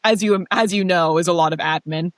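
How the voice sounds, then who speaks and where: A woman's voice: fairly low pitch, fairly quick, no room sound, clean studio sound. A woman telling her story as an interview guest in a casual, chatty, self-deprecating way, saying "like" often.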